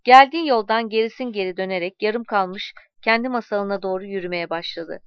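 A woman narrating a story aloud in a calm, measured reading voice, voicing the dialogue as she goes. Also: mid-range voice, clean tone, dry recording, highs cut off.

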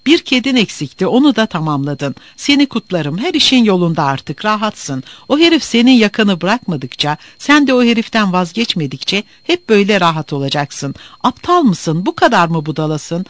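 A quick-tempered young man rages and scolds his friend, his voice high and jumping sharply up and down, as a storyteller puts him on. The sound is dry and close to the mic. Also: expressive, dry recording. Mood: furious. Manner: scolding, shouting.

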